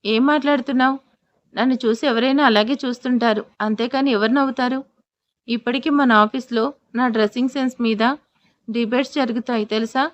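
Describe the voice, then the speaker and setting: A woman's voice: on the high side, steady tone, brisk, no room sound, lo-fi sound, lightly acted. A woman voicing a flustered young husband. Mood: puzzled. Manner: bewildered, defensive questioning.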